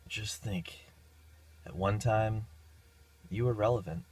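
A man delivering deadpan comedy lines slowly and quietly, with a sardonic edge. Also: on the low side. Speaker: short-video comedian. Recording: loud background noise.

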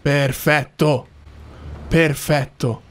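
A man's voice: fairly high pitch, fairly even intonation, drawn-out words, slight background noise. A man hosting a gaming video, commenting casually and thinking aloud to his viewers as he plays. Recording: loud game music behind.

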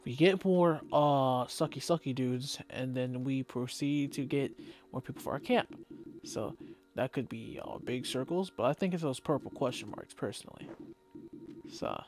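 A man co-hosting a casual let's-play in a rambling, easygoing manner, filling his talk with "like" and "bro". His voice sits at an ordinary middle pitch. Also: normal speed, a little mellow, soft background music. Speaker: game co-host.

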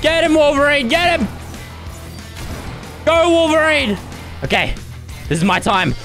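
An Australian gaming YouTuber, a young man with a high, bright, frantic voice, gives excited gameplay commentary full of loud, dramatic, squealing yelps and groans. His pitch swings widely, yet his pace is unhurried, and soft music plays behind him. He is starting to lose his voice.

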